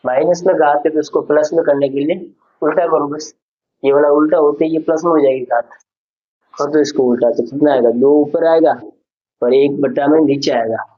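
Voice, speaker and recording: A man with a fairly high voice, fairly even intonation and moderate pace patiently works through a school maths lesson step by step. He keeps asking the class questions, often repeating them, and the audio is dull and lo-fi.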